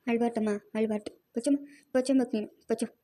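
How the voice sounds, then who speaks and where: A woman's voice: on the high side, fairly even intonation, fairly quick, dark tone, close to an everyday voice. A woman as a protective soothing grandmother. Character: worried grandmother caring for her grandson. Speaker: grandmother in a family drama. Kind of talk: homemade family drama acting.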